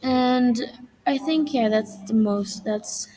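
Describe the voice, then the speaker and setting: A young Indonesian woman, a student, casually walks through her portfolio, rambling as she lists items and frequently correcting herself. Her voice is a little high and dark-toned, and she speaks slowly. The low-quality recording has a little hiss or hum.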